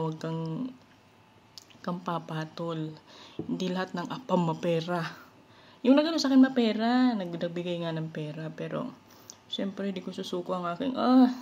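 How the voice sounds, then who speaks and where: A woman from the Philippines telling a story in a casual, gossipy home vlog, chatting to her viewers as a regular vlogger. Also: deep voice. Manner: gossipy, animated, addresses viewers as guys. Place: home in Hong Kong. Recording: dull lo-fi sound with faint noise.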